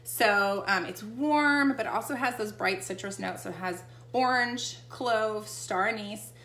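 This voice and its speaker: A Texan essential oil seller with a medium-pitched, fairly bright voice speaks a little slowly during a casual product demo. She frequently checks in with the listener, and the room is echoey with a faint hum.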